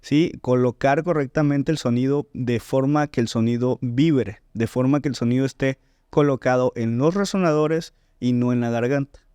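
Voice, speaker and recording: A man's voice: mid-range voice, moderate pace, warm tone, smooth, dry recording. A man, a voice teacher and singer explaining technique in a podcast interview, often checking in with "¿no?" and "¿sí?". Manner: didactic, frequent "¿no?" and "¿sí?" check-ins.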